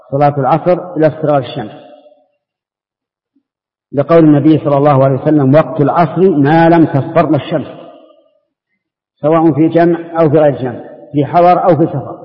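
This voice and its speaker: A man, a religious scholar answering questions in an open session, explaining in a measured, step-by-step way. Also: a little high. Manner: measured, explanatory, restarts words. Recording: tinny lo-fi tape with long hall reverb.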